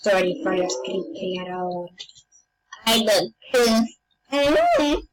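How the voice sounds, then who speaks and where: Excitable woman playing a video game. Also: mid-range voice, slight background noise, low-quality recording. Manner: playful, excitable, sudden yelps and silly sing-song bits. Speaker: gameplay video maker. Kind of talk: casual gameplay commentary.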